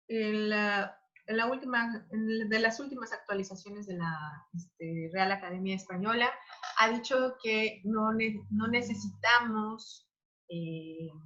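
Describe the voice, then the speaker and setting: A woman teaching an online grammar lesson, explaining slowly with many fillers and restarts. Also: mid-range voice, sharp tone. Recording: dull lo-fi recording.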